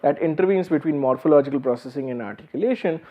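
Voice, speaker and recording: A man's voice: on the high side, quick pace. A man giving a university lecture, explaining step by step with many "uh"s and restarts. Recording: slightly dull lo-fi recording.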